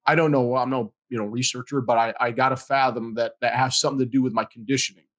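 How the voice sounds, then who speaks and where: A man's voice: mid-range voice, fairly even intonation, fast, a bit bright. A man hosts an interview podcast in casual conversation. He tells stories and acts out the lines of the people in them. He laughs easily as he talks. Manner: storytelling, acts out quoted dialogue, laughs often. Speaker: podcast host.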